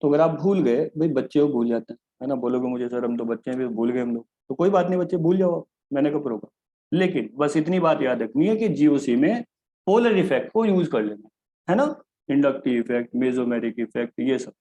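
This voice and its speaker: Man teaching chemistry, higher voice. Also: expressive, a little fast, mellow, poor audio. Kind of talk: classroom lecture.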